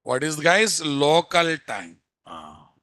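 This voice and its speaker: A man's voice: fairly high pitch, big pitch swings, takes it slowly, pushed and bright, dry recording, clean studio sound. A man with an Indian Telugu accent giving a live programming lecture as an instructor, repeating phrases and constantly quizzing his listeners.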